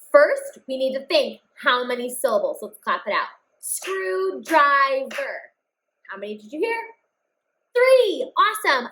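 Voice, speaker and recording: A woman's voice: on the high side, a bit bright, rough recording. Upbeat woman teaching phonics. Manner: upbeat, addresses kids as friends, slow drawn-out words. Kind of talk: phonics lesson for children.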